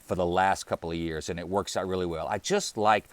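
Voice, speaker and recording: Relaxed low-voiced man touring his deck garden. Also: a little fast, dry recording. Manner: relaxed, friendly, plainspoken with fillers. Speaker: gardening channel host. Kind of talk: casual garden tour walkthrough. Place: outdoor deck.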